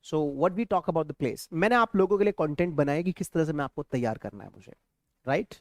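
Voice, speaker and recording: A man's voice: fairly high pitch, lively intonation, normal speed, no room sound, clean studio sound. A man with an Indian accent teaching a live spoken English lesson, switching between Hindi and English, repeating example phrases and reading out viewers' comments.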